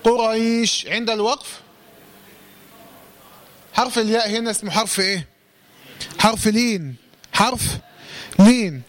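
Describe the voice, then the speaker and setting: With an Egyptian Arabic accent and a high, fairly bright voice, a man leads a Quran recitation lesson. He poses questions to listeners, answers them himself and models words by drawing them out slowly.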